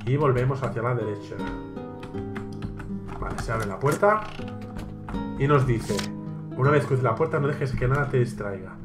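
A man from Spain with a mid-pitched voice talks through a horror game as he plays, reading the on-screen text aloud and cursing whenever it trips him up. He sounds like he is in an echoey room, with the game's music playing clearly behind him. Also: lively intonation, moderate pace, pauses often. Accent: Spain Spanish. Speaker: let's play gamer. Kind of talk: gameplay commentary.

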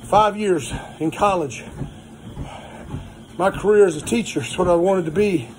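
A middle-aged man giving a plainspoken, encouraging motivational talk in short phrases with pauses while on a treadmill. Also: sits high, slight background noise, poor audio. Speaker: personal trainer. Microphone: phone propped low in front of him.

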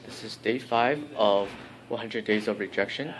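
A man's voice: on the low side, moderate pace, crowd noise. A young man talking earnestly into a phone camera held at arm's length in a campus hallway. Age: young adult. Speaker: vlogger. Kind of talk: casual vlog narration. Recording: noisy phone recording.

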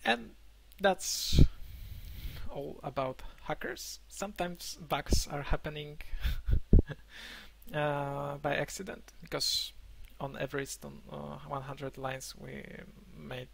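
Man, young adult, Polish first language, slightly high voice, slow, halting with fillers, online conference talk. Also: gravelly, husky. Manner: halting, many fillers and restarts. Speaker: conference speaker. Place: indoor room, remote talk.

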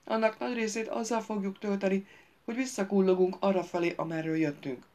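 In an audiobook, a woman voices a young male rabble-rouser who complains, whines and accuses the others in indignant agitation. Her voice is fairly low and darkish, staying close to her everyday speaking voice.

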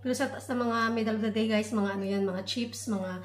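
A woman's voice: mid-range voice, steady tone, a little fast. A woman vlogger from the Philippines with a Hiligaynon accent, chatting casually to viewers at home while looking after her son. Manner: chatty, addresses viewers as guys, mixes Filipino and English. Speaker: vlogger and mother. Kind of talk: casual family vlog. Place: home kitchen indoors. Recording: echoey room.

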